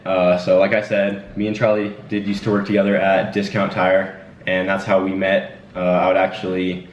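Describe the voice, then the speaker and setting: With a deep voice, a twenty-year-old man hosts a laid-back Q&A chat for his channel indoors at home, rambling and using many fillers. The audio has slight background noise, an echoey room sound, and a distant, dull mic.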